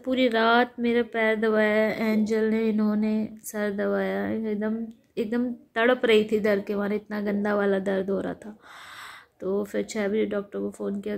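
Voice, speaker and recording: A woman, sick and recovering from a fever, chatting casually in a home vlog while lying in bed, speaking softly and wearily. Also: mid-range voice, creaky. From India. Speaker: vlogger.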